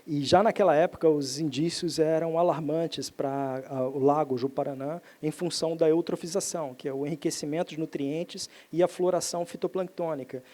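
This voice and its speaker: A man's voice: a little high, steady tone, a little fast, few pauses, mellow. A man, a professor explaining water science at a seminar panel, often tagging sentences with "né?". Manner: explanatory, frequent "né?" tag questions, some restarts. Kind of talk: technical talk on lake pollution. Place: seminar auditorium.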